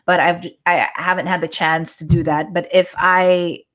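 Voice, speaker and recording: A yoga instructor in her forties from Manila, Philippines, a native Tagalog speaker with a Filipino accent, chats casually on a live stream from home while answering viewer comments. Her voice is lowish with a fairly bright tone, her delivery flat and unhurried.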